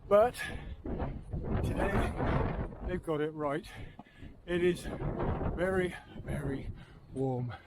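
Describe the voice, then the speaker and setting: A man's voice: on the high side, takes it slowly, pauses often. A man in his fifties, out of breath, chatting casually to camera while hiking up a windy hill on a clip-on mic. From England. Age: 50s. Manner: chatty, rambling asides to viewers. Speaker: wild camping vlogger. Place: outdoors on a windy hillside. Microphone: clip-on wireless mic. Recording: loud wind noise outdoors.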